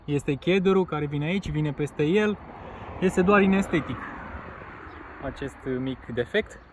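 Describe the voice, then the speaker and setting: A man from Romania presents a caravan for sale outdoors, walking around it on a grassy lot and filming with the phone camera he holds. His voice is a little high, his manner plain and matter-of-fact, with pauses and fillers. The background is noisy.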